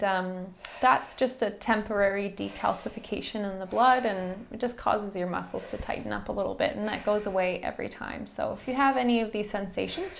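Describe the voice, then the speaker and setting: A woman instructor softly guiding a breathing exercise in a soothing, encouraging manner, with background noise in the recording. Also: medium pitch. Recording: faint-to-clear background noise and ambience.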